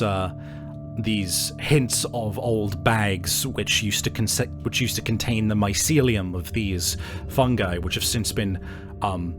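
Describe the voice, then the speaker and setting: Narrating a tabletop game in a lowish voice, this game master improvises as he goes, often stopping mid-thought to search for the right words.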